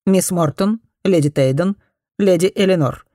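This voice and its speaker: A woman reading an audiobook, voicing a blunt, matter-of-fact male doctor in a slightly lower voice. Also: moderate pace, dark tone, no room sound, clean studio sound, close to an everyday voice. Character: blunt plain-spoken male country doctor.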